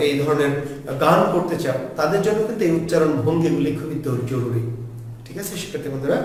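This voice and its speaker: Male teacher who asks and answers his own questions, recorded from afar with faint noise behind. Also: a little high. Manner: asks questions and answers them himself, repeats "ঠিক আছে?". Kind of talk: classroom lecture on pronunciation. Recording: echoey room heard from a distance, faint background noise.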